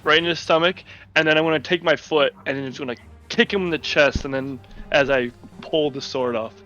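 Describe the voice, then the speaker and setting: A man playing a tabletop game, chatting excitably and laughing often. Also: a little high, fairly quick, soft background music. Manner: excitable, laughing, talks over others. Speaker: player. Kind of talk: casual tabletop game chat. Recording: muffled lo-fi mic.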